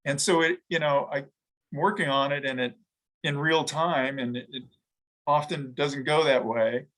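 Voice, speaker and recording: A middle-aged man, a guest in an interview, talking reflectively with frequent pauses, fillers and restarts. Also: fairly high pitch, fairly even intonation, a bit bright, rough recording. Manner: halting, thoughtful, many restarts and fillers. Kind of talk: reflective conversation.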